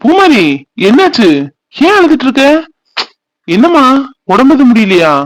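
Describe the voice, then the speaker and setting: A man voicing an excitable, caring young brother in a cartoon, talking urgently. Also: very high-pitched, normal speed, no room sound. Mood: alarmed. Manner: alarmed, urgent. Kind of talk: cartoon voice acting.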